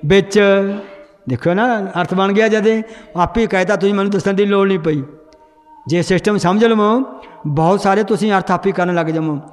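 A man's voice: sits high, normal speed, long reverb tail. A man teaching a group how to read and understand scripture, quizzing the class and then answering himself. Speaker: Gurbani grammar teacher.

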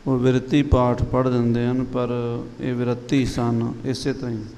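A man's voice: mid-range voice, level tone, moderate pace, dark tone. A man giving corrective remarks about scripture recitation, heard from a distance. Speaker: recitation teacher. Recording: distant voice in a reverberant hall with faint noise.

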